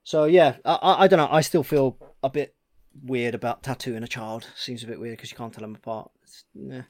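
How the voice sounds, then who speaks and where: Blunt, jokey co-host. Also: male voice, medium pitch, fairly even intonation, brisk. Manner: blunt, jokey, swears freely. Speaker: podcast co-host. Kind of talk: casual chat.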